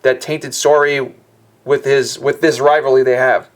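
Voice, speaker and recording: A man reading out the lines of a formal alien elder in a game, slowly, with inverted word order. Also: medium pitch, level tone, lightly acted. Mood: dry. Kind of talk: reading game dialogue aloud.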